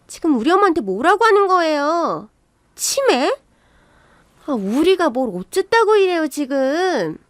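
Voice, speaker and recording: A woman voicing a spoiled, snippy young sister-in-law who talks back in a shrill, indignant way, in a radio story reading. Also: dry recording.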